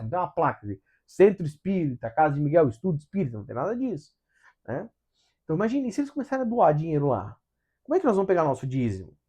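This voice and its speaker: Lively husky man hosting a book study. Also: on the high side. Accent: Brazilian Portuguese. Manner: animated, acts out quotes in changing voices, rhetorical questions. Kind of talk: casual spiritual book study talk.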